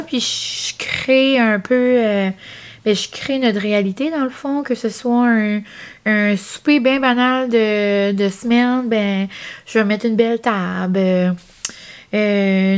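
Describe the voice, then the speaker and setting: Rambling on in a casual vlog, a young woman with an Acadian French accent leans heavily on fillers like "genre, comme." She has a clear, resonant voice pitched a little high.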